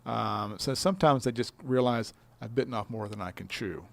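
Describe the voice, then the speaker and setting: Being interviewed as a business incubator director, a man explains things conversationally in a folksy, stop-and-start way. His voice is medium-pitched with vocal fry and moves at a moderate pace.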